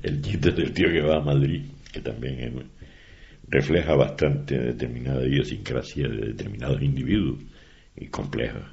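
An older man talks in a very deep, gravelly voice. He is an animated storyteller who acts out the people he quotes, and the recording sounds dull and lo-fi. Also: normal speed. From Canary Islands. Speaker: interviewee. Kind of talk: conversational interview.

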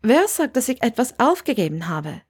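High-voiced defiant young witch read by a woman. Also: big pitch swings, normal speed, breathy edge, exaggerated voice. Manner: high, bright, defiant and teasing.

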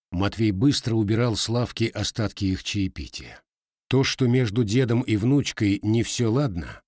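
A man narrating an audiobook in an expressive storytelling manner. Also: on the low side, dry recording, studio quality.

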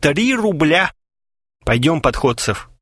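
A man's voice: a little high, sing-song, slow, a bit bright, breathy edge, no room sound, clean studio sound, voice pushed up, full character voice. A man doing a terse, wry young sidekick. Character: laconic young male sidekick, bitter.

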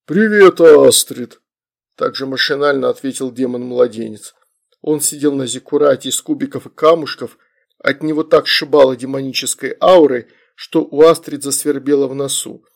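A man narrating a humorous fantasy audiobook with lively character reading. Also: mid-range voice, moderate pace, gravelly.

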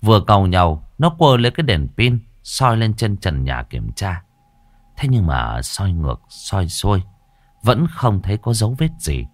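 A man narrating a ghost story in a dramatic, expressive way. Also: sits low, normal speed, no echo.

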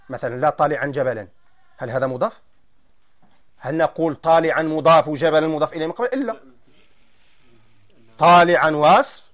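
A man with a Moroccan Arabic accent teaching a grammar lesson, explaining slowly and quizzing his students. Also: fairly high pitch.

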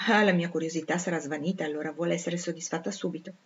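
A cool, indifferent gentleman, as a woman reader puts him on. He speaks in short, detached replies. The recording sounds dull and lo-fi. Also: fairly low pitch, steady tone, fast talker, husky. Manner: curt, detached. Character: aloof wealthy man, curt and indifferent.

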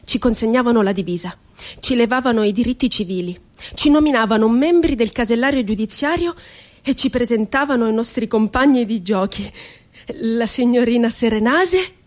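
An actress with a slightly high, expressive voice, close to her everyday one, plays an ironic, wounded woman poet confined in an asylum. At a moderate pace, she tells her story in a radio theatre monologue, wry and mock-innocent.

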